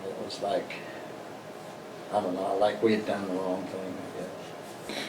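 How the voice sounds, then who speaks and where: An older American man, a veteran, remembering his past in an interview in a halting, plain-spoken way. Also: low-pitched. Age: older, 60s or above. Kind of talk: personal reminiscence in an interview. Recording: roomy, distant mic, noisy background.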